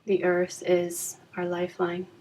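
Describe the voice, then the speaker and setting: In a soothing, fairly low voice, a female yoga nidra guide walks listeners through deep relaxation. Her pitch hardly rises or falls, and she lets calm, unhurried pauses sit between each phrase.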